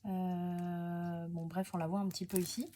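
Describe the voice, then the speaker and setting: A woman's voice: lowish voice, little pitch movement, measured pace, dark tone, slight background noise. Chatty woman unboxing craft supplies. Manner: chatty and hesitant, many fillers and self-corrections. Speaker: scrapbooking crafter presenting her channel. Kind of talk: casual unboxing chat to camera.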